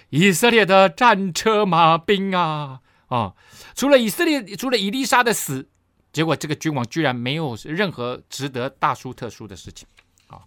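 A man teaching a Bible study, lively and repeating phrases for emphasis. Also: fairly high pitch, dry recording, studio quality.

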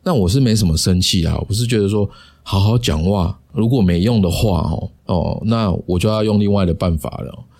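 Low-voiced man telling a story. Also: darkish tone. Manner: chatty, sprinkled with drawn-out particles. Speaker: podcast host. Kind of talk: casual solo podcast storytelling.

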